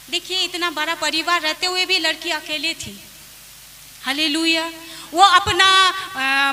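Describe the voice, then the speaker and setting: A woman pastor giving a testimony sermon, speaking slowly, repeating her phrases and often saying hallelujah. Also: very high voice, pushed and bright, slight background noise.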